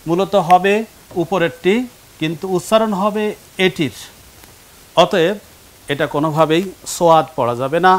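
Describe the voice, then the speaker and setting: A man's voice: a little high, measured pace, pauses often. A man teaching Quran reading in a studio classroom, patiently drilling pronunciation and quizzing his students. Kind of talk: televised classroom lesson.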